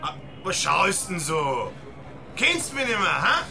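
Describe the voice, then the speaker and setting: An actress playing a brash, pushy old acquaintance from the fairground, hectoring in a loud drawn-out way in a drama. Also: female voice, lowish voice, very animated, full character voice. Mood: boisterous, taunting. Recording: loud guitar music behind.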